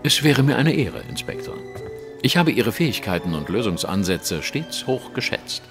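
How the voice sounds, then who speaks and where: Over music, an actor delivers the lines of a shrewd English sleuth in an audio drama, lecturing with self-assured precision and eloquence. His medium-pitched male voice is very animated at a normal speed, though the mood remains composed and grave.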